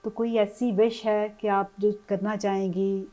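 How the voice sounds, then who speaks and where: A woman interviewer asking gentle, drawn-out questions and mixing English words into her speech. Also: mid-range voice, little pitch movement.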